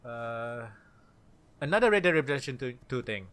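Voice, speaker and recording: A man co-hosting a gaming podcast, casually relaying news items in a relaxed way. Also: medium pitch, normal speed, slight background noise. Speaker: podcast co-host. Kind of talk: casual chat.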